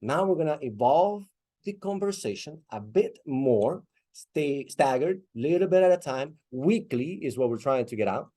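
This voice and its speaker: A man's voice: fairly high pitch, lively intonation, normal speed, warm tone. A man hosting a casual podcast, upbeat, laughing easily and rambling loosely. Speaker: podcast host.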